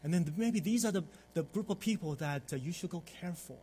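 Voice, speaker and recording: A man preaching a sermon in short phrases and pausing so an interpreter can follow, with frequent fillers. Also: sits high, lively intonation, dark tone, slight background noise. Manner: halting, with frequent fillers and pauses between phrases. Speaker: pastor.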